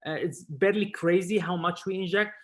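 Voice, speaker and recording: This webinar speaker, a surgeon lecturer from Spain, gives an informal expert talk in halting English, often repeating words. Captured via video call, his voice sits high with a steady tone.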